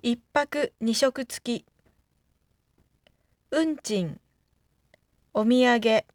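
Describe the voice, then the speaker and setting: A woman reading out lesson vocabulary carefully, one isolated item at a time with pauses between. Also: on the high side, dry recording, studio quality. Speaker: Japanese vocabulary reader. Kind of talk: scripted word-list reading for a language lesson.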